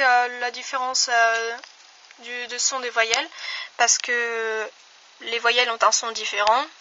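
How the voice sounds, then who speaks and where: A woman teaches an online language lesson in a high, bright voice. She explains patiently, step by step, pausing to find her words. The recording sounds a little dull, with a faint hiss underneath.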